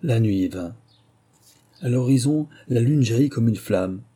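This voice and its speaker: Male narrator, literary audiobook, slow and lyrical, mellow, husky. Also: mid-range voice, expressive.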